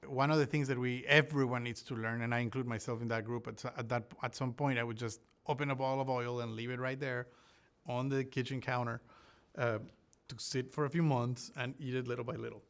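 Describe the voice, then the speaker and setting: Man from Ecuador, smooth voice, halting. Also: medium pitch, fairly even intonation, a bit bright. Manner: thoughtful, many restarts and fillers. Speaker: olive researcher. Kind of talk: interview answers.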